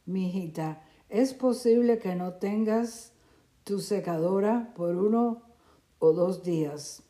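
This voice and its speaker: A woman voicing a calm, cheerful middle-aged mother who speaks soothingly, in a storybook reading. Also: mid-range voice, slow, close to an everyday voice. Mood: reassuring. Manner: soothing, reassuring.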